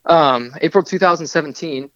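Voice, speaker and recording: A young man from the Pacific Northwest spins a chatty, rambling story as a radio guest, full of restarts and asides. His voice sits a bit high for a man. The sound is slightly dull and dry, with little room around it. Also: normal speed, no echo. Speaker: guest, documentary photographer. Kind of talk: casual radio interview storytelling.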